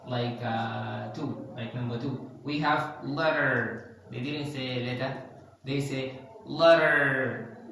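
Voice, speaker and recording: Man, teacher, slow drawn-out sound demos, crisp bright tone, strong room echo. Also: mid-range voice. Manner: slow, deliberate demonstrations of word sounds. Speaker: English pronunciation teacher. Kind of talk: online language lesson. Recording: echoey room with faint background noise.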